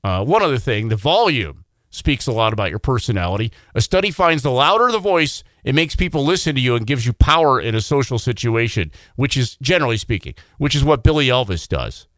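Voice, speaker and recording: Male radio morning host, quick and jokey, pitch bouncing around, dry studio sound. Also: big pitch swings, fairly bright tone, no echo. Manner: quick, self-deprecating, joking. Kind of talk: casual radio banter.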